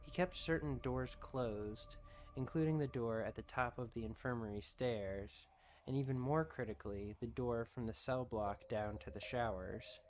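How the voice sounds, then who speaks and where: A man's voice: mid-range voice, normal speed, a little mellow, a little hiss or hum. A man reading scripted documentary-style narration as the narrator of a video.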